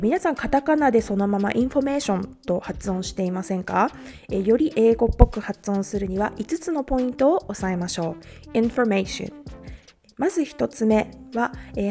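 A woman from Japan, a language teacher, giving a podcast pronunciation lesson step by step, with many pauses and fillers. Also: mid-range voice, dark tone.

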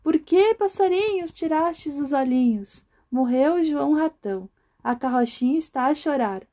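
Woman storyteller plays a grieving storybook fountain, sing-song recital, pitched up. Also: warm tone. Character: grieving talking water fountain.

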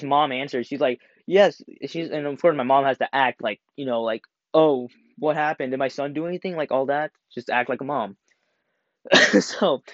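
A young man telling a school story in a casual, animated way, acting out the quotes and laughing as he goes. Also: mid-range voice, no echo. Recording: dry, slightly dull home recording.

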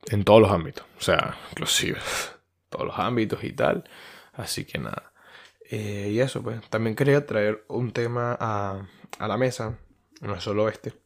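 A man's voice: fairly low pitch, creaky. A man from Venezuela with a Venezuelan accent, hosting a podcast in a casual, rambling monologue full of fillers and restarts. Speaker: podcast host.

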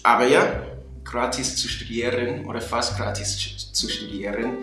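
A young American man from Chicago talks through a casual interview in German, a language he learned later, picking his words carefully and restarting phrases. His voice sits at an average pitch. The room has a noticeable echo, with faint guitar music behind him. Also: fairly even intonation, moderate pace, bright, forceful tone. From Chicago, USA. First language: English. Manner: careful non-native speech with restarts. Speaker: guest.

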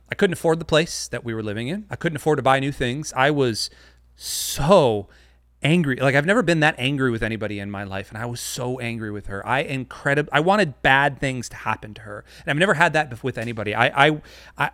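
A man's voice: mid-range voice, lively intonation, fairly quick, a bit bright, dry recording. Chatty pastor man, dry close sound. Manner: chatty, joking, many fillers. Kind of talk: casual sermon to a livestream. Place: home studio.

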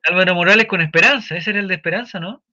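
Chilean male host, high bright voice, slang-heavy storytelling, dry dull studio sound. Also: very fast, dry recording. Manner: animated, swears casually, restarts a lot. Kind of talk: casual chat, storytelling.

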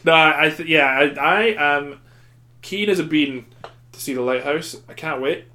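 Man in easygoing chat, a touch high-pitched, chatty and relaxed. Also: unhurried. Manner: laid-back, chatty, laughs easily. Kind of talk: casual podcast chat.

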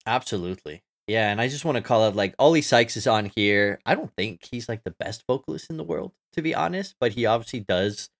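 A man's voice: lowish voice, brisk, few pauses. A man co-hosting a podcast in casual chat, rambling along with plenty of fillers. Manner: relaxed, rambling, lots of "like" and "um". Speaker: podcast co-host.

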